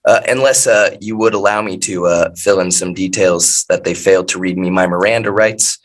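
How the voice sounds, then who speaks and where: A man's voice: low voice, steady tone, normal speed. An American man speaking as a self-represented defendant to a judge, with stilted, over-polite legal phrasing. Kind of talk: addressing a judge in court. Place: in custody, on a court video call.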